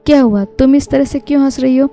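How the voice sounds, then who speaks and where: A woman voicing a polite, curious young working woman stranded on a night road, in a mellow tone. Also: high-pitched, fairly quick, faint music behind, voice pushed up. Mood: friendly.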